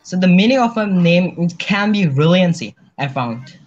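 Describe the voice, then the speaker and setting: A polite teenage boy answers questions in simple, careful English, addressing the host as "sir". His voice sits a little high, and the call audio sounds dull and lo-fi with faint music underneath. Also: animated, normal speed. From Bangladesh. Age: teens. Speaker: student guest. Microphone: webcam on video call.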